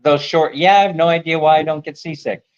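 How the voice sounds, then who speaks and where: A man's voice: fairly high pitch, fast talker, lo-fi sound. A man hosting a live stream, chatting and joking with a co-host. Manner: chatty, jokey, laughs often. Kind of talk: casual chat.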